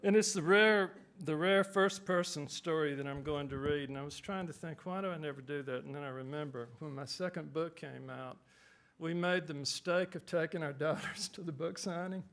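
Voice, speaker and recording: A man with a slightly higher voice and a gravelly, fry-laced edge. He speaks at a writers' conference, relaxed and self-deprecating with plenty of fillers, then moves into a steady reading of his own story. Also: moderate pace. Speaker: author reading fiction. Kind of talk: conference remarks and literary reading.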